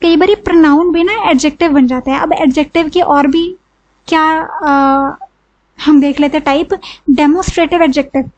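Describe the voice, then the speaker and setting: The audio is dull as a high-pitched woman with a darkish tone and an Indian accent teaches grammar at a moderate pace. Step by step, she asks questions and supplies the answers herself, often saying "ठीक है".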